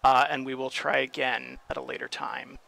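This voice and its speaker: A man's voice: mid-range voice, completely flat delivery, normal speed, gravelly, sharp tone. A man moderating a live stream, reading out viewer questions and apologizing. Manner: apologetic, reads questions aloud.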